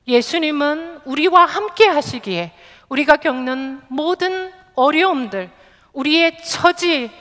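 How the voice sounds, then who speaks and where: A woman pastor giving an earnest sermon, gently voicing quoted words of Jesus. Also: high voice. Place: large church sanctuary. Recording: long hall reverb from a church.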